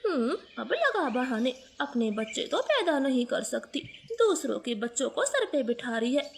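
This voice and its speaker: A woman voicing a bitter, taunting old mother-in-law bird in a cartoon, speaking in a harsh, sharp-tongued way. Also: high voice, very animated, moderate pace, vocal fry, full character voice. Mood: contemptuous.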